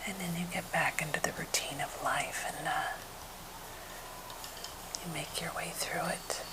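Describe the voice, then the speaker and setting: An American woman whispering softly and breathily in a gentle, unhurried ASMR chat, as for a finger-tapping video. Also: low-pitched, fairly even intonation, rough recording. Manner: gentle, unhurried rambling storytelling. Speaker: ASMR creator showing wooden objects.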